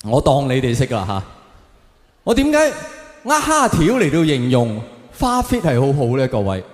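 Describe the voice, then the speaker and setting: Performing comedy before a live audience, this Hong Kong Cantonese–accented man poses rhetorical questions to the crowd and voices opinions with mock seriousness. His mid-range voice swings hugely in pitch at a normal speed, echoing through a hall with long reverb.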